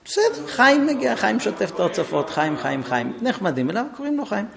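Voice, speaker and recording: A man with a high-pitched, creaky voice speaks informally to a group about parenting, amid crowd noise. Animated and theatrical, he tells stories and enacts conversations between parent and child.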